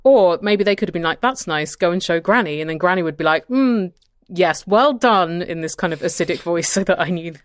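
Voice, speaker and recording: A woman with a lowish voice hosts a casual podcast chat. Her humour is wry and dry, and her voice sounds close and dry, with no room echo. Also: fast talker, hardly any pauses. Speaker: podcast host.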